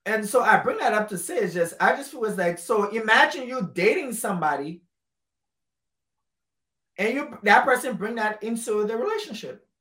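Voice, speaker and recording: A woman from Liberia in casual conversation, animated and emphatic, repeating phrases to drive a point home. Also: mid-range voice, normal speed. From Liberia, West Africa. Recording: roomy echo.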